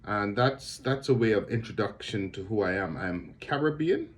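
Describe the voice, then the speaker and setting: A middle-aged Bahamian theologian and lecturer speaks to the camera about his work, thoughtful and measured, repeating words as he searches for them. His voice sits on the low side and is expressive.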